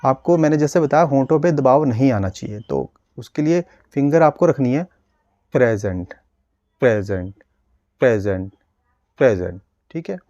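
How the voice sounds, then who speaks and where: Patient male speech teacher, warm low-key tone, demonstrates sounds slowly. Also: no room sound, dull audio. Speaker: speech therapist. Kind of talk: instructional video lesson.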